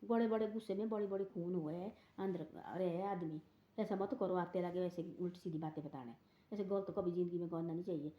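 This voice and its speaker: Woman rambling through a moral story, keeps saying "she said", flat even voice. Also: fairly low pitch, fairly quick, muffled recording. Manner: rambling, repeats "bole" between quoted lines. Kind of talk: casual moral story telling.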